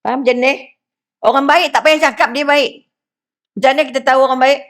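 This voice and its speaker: Middle-aged malaysian woman preaching, lively, keeps asking the crowd stuff, voice a bit high. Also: brisk. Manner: lively, asks the crowd questions, acts out quotes. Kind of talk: religious lecture.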